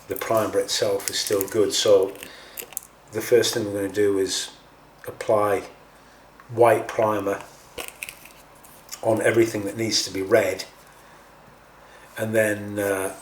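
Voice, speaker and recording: A man giving a casual hands-on tutorial as host, informal and a little hesitant as he thinks aloud. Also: lowish voice. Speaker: host of a scale model painting tutorial. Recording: roomy, distant mic, faint noise.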